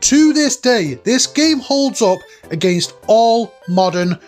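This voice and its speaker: Male countdown host, around forty, fairly high voice, enthusiastic and emphatic, faint music underneath. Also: animated, slow. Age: late 30s to early 40s. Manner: emphatic, nostalgic, informal with mild swearing. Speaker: host of a retro gaming countdown. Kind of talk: enthusiastic scripted video commentary. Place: cabin, indoors.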